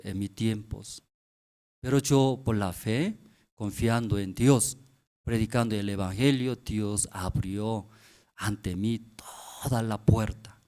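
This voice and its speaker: A male pastor preaching a sermon in Spanish. He tells stories with feeling, drops to soft tones, then rises to loud, emphatic bursts, and keeps asking his listeners short tag questions. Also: fairly low pitch.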